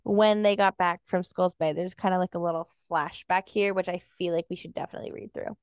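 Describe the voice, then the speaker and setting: A woman's voice: on the low side, steady tone, brisk, clean tone, no room sound, clean studio sound. A young woman co-hosting a book podcast, blunt and emphatic, swearing freely in casual chat. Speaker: podcast co-host.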